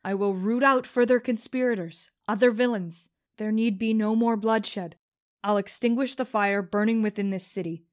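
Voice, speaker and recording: A woman's voice: mid-range voice, fairly even intonation, normal speed, lightly acted. Woman voicing a frail, commanding old priest. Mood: solemn. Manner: wavering, solemn decree. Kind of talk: audiobook narration.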